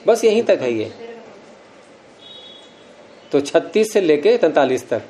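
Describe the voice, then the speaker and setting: A man's voice: on the high side, sing-song, slow pace, mellow, a little hiss or hum. A man teaching a Sanskrit grammar class, explaining rules step by step and putting questions to his students.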